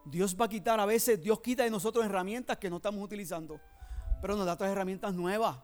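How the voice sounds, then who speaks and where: A man's voice: high-pitched, fast, darkish tone, soft background music. A male pastor preaching a sermon, emphatic and repetitive, often turning to address the congregation directly.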